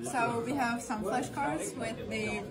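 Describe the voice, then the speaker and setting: A woman's voice: a little high, slow pace. A young woman with a Russian accent, an exchange student casually explaining things. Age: young adult. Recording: heavy crowd chatter behind.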